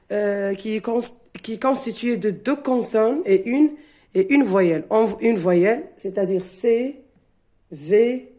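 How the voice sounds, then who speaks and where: A woman's voice: medium pitch, darkish tone. A woman teacher giving a reading lesson, spelling out letters one by one and repeating each sound. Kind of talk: slow syllable-by-syllable reading lesson.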